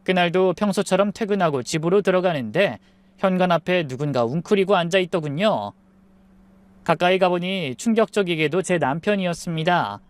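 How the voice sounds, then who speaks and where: A woman in her forties calmly narrating a scripted first-person life story. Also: fairly low pitch, normal speed, no echo.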